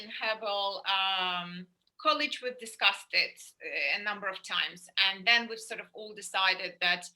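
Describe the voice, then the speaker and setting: A woman speaks as a herbalist guest in relaxed conversation. Her voice is strikingly bright, and she talks in a chatty way, circling back and restarting her sentences as she explains. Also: medium pitch, low-quality recording. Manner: chatty, full of restarts and fillers, warm enthusiasm for remedies. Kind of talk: casual explanatory talk. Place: london.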